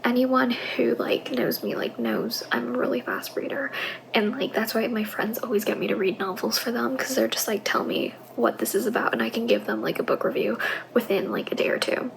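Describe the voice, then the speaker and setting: A woman's voice: fairly high pitch, lively intonation, moderate pace, creaky, low-quality recording. A young woman vlogging late at night from her home office, whispering so she doesn't wake anyone, with lots of casual fillers.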